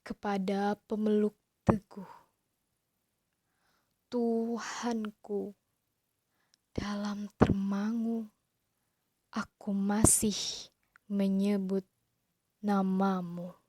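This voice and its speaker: A woman teacher reciting a poem dramatically for her pupils, drawn out, with hushed whispered lines. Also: medium pitch, level tone, extremely slow, pauses often, dry recording. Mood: solemn.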